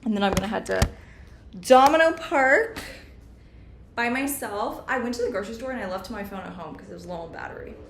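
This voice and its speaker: A woman's voice: medium pitch, expressive, brisk, a bit bright, a little hiss or hum. A young woman talking casually in a video journal, chatty and rambling, recorded on a laptop's built-in mic at home. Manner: chatty, rambling, self-aware. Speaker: vlogger.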